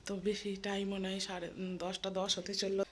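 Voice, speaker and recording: A woman in her thirties narrating a casual home vlog as a mother, chatty and full of fillers, often speaking softly indoors. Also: medium pitch, monotone, fairly quick, low-quality recording. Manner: chatty, filler-heavy, talks softly at times so the baby keeps sleeping. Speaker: vlogger and mother. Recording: home recording with clear background noise.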